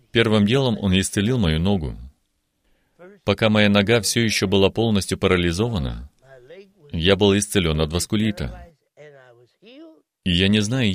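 A very low-voiced man in his eighties tells his religious testimony in slow, emphatic phrases. He speaks as a guest in a television studio, earnest and deliberate. His voice sits deep throughout. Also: expressive. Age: 80s. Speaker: guest giving a healing testimony.

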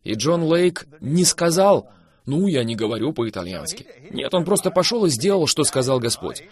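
He's a preacher in conversation, fervent and emphatic, his voice pitched lively and shifting between booming bursts and gentle, lingering phrases.

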